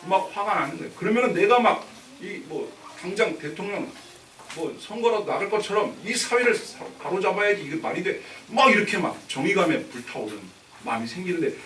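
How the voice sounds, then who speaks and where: A man's voice: high voice, big pitch swings, a little fast, fairly bright tone, slight background noise. A male pastor giving a live Sunday sermon in a conversational, storytelling way, acting out the voices of people in his stories. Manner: conversational storytelling preaching, acting out quoted speech. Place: church sanctuary. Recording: roomy live church recording from a distant mic.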